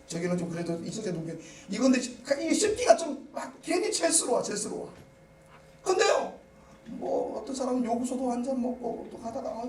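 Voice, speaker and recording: Pastor guy preaching, super high voice, kinda far from the mic, faint hiss. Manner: emphatic preaching with rising shouts and rhetorical questions. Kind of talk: sermon. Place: church sanctuary. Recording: echoey church hall, mic at a distance.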